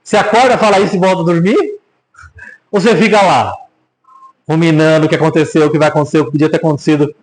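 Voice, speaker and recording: A fast-talking man with a voice on the high side and a Brazilian Portuguese accent preaches the Bible casually, pausing often. Lively and joking, he keeps asking his audience rhetorical questions. The audio quality is poor.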